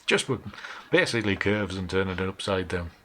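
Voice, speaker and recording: With a low, bright, forceful voice and a fairly quick pace, a man with a Northumbrian English accent hosts a live photo-editing tutorial, thinking aloud informally as he works. The background noise is clear, including keyboard and mouse clicks.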